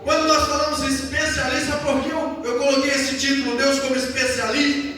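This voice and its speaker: A Brazilian man preaching a sermon in a booming voice, emphatic and exhorting, repeating phrases to drive them home. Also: little pitch movement, fairly quick, pushed and bright. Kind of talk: sermon to a congregation. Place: large echoing indoor church hall. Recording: echoey hall, distant microphone, long reverb.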